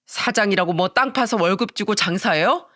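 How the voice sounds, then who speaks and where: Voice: mid-range voice, moderate pace, bright, forceful tone, dry recording, studio quality, lightly acted. A narrator voicing a self-justifying young husband who argues with his wife and father. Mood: defiant. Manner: pleading then defiant.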